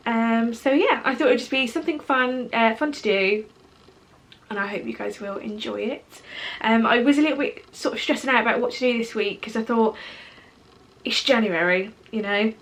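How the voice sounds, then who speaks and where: A woman's voice: fairly high pitch, moderate pace, a bit bright. A woman in her twenties with a British accent, chatting casually to camera as a vlogger, rambling and full of fillers. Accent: British English. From Portugal. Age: 20s.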